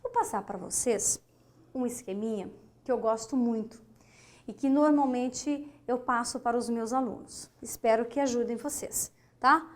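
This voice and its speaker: A woman's voice: a little high, moderate pace. A woman teaching grammar with a Brazilian Portuguese accent, counting syllables aloud and checking in with her students as she goes. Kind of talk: recorded online grammar lesson at a board. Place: lesson studio with a whiteboard.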